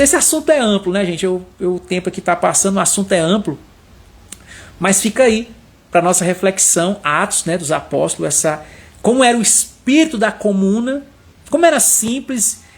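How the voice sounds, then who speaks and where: A man's voice: high-pitched, vocal fry. A man leading a Bible study, preaching in a conversational way and often tagging his sentences with short questions. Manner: conversational, repeats tag questions. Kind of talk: informal sermon.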